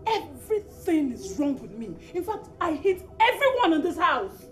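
An actress playing a bitter, defiant grown daughter accused of murder, confrontational and mocking. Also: female voice, extremely high pitch, big pitch swings, normal speed. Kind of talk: film drama acting. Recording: film audio with music underneath.

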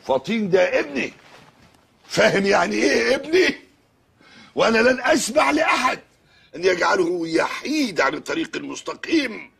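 A stern, pompous uncle with an Egyptian accent, delivering grand formal lectures. His husky, gravelly voice climbs and falls widely, with music faint behind him. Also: high-pitched, sing-song, normal speed, fairly bright tone, full character voice. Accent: Egyptian Arabic. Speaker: uncle and guardian.

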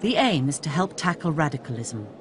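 A woman giving measured, serious documentary narration in a studio voice-over. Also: sits low, big pitch swings, background noise. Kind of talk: scripted narration. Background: music.

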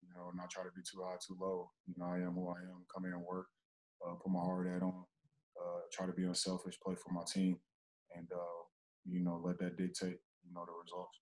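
A young man, a basketball player, answering reporters' questions calmly after a game over a video call. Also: fairly quick, low-quality recording. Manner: low-key, even, steady delivery. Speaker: basketball player at postgame press conference. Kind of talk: postgame interview answers. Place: indoor press backdrop, remote video call.

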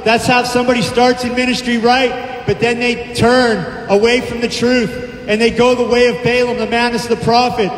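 This open-air sermon comes from a middle-aged man whose voice is extremely high, with little pitch movement and a moderate pace. Beside palm trees in a park, he proclaims scripture emphatically with frequent praise interjections, using a handheld microphone through a loudspeaker recorded by a distant camera, which gives echoey, hall-like reverb.

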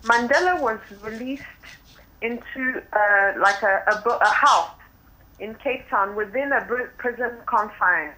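A woman's voice: on the high side, a little slow, sharp tone, slight background noise. A woman guest calling in by phone, speaking with emphatic, impassioned commentary. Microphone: telephone. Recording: tinny phone line, echoey.

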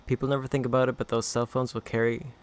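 A man's voice: medium pitch, level tone, fast talker. A man giving casual, understated gameplay commentary, thinking aloud as he plays. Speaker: gaming video host. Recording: loud game audio under commentary. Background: video game sound.

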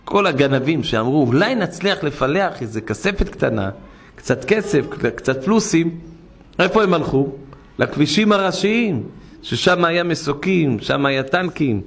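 A rabbi giving an impassioned sermon in a synagogue, firing rhetorical questions and dropping low to tell a parable. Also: male voice, lively intonation, gravelly. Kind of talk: weekly Torah portion sermon.

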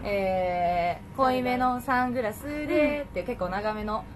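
A woman's voice: mid-range voice, normal speed. A young woman, an idol group member, chatting casually and giggling as she imitates and sings bits of songs. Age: young adult. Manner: giggly, animated, mimics and sings snippets. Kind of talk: casual chat. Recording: loud background noise.

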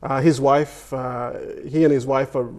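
A man in his forties, a foundation founder, answering studio interview questions enthusiastically with many halting fillers, on a lapel mic. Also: medium pitch, fairly even intonation, darkish tone.

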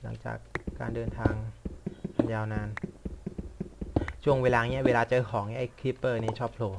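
With a gravelly, mid-range voice and flat delivery at a moderate pace, this young gaming vlogger rambles through casual talk as he plays. He mocks himself and mutters at on-screen events, all over heavy background noise.

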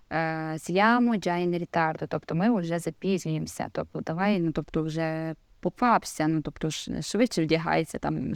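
A woman teaching an Italian lesson, explaining slowly, with many fillers and repeated examples. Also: low-pitched, a little mellow, no echo. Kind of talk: casual video lesson.

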